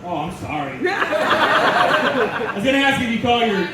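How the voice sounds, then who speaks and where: A man's voice: very high-pitched, big pitch swings, a little slow. A man performing a stand-up comedy routine with crowd banter, telling jokes in a profane, mock-innocent way. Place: live comedy venue with an audience. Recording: very echoey venue, distant mic, loud crowd, noise. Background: loud audience crowd.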